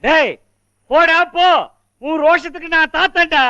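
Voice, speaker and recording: A stubborn, high-voiced old grandfather. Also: moderate pace, fairly bright tone. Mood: defiant. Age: older. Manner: scolding, pleading colloquial speech. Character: stubborn, proud, tender-hearted old grandfather. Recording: muffled film audio with music.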